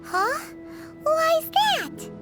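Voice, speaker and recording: Over music, a woman voices a tiny floating fairy sidekick in a video game, bantering cheekily and referring to herself in the third person. Her exaggerated voice is very high and sing-song, and she speaks very slowly.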